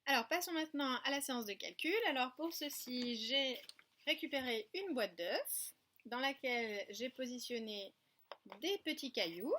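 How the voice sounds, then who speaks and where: A woman teaching a remote preschool lesson in a French accent, sounding out syllables clearly and praising the children gently. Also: high-pitched, expressive, moderate pace. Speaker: kindergarten teacher.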